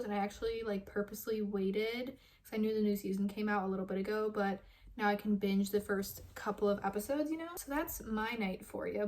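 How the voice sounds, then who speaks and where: A woman's voice: medium pitch, darkish tone. A young woman talking casually and upbeat to her viewers in a lifestyle vlog. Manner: chatty, upbeat, conversational. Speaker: vlogger. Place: outdoors at a park, with her dog.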